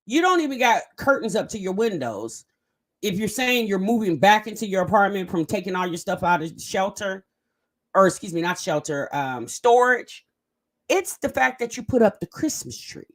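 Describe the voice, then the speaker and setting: This chatty reaction-commentary host speaks at medium pitch and a normal pace. Addressing her viewers directly, she stays animated and drags out words to stress them.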